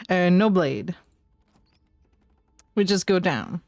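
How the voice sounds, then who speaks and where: A woman's voice: on the low side, lively intonation, very slow, no room sound. Brief: chatty giggly female streamer, dry close mic, faint lofi music underneath. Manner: giggly, chatty, reacts out loud. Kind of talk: let's-play commentary.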